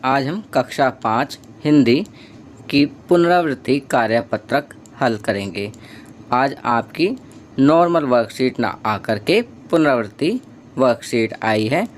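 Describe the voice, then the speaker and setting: A male teacher, patient and slow, taking children through a worksheet step by step. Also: mid-range voice, animated, a little hiss or hum.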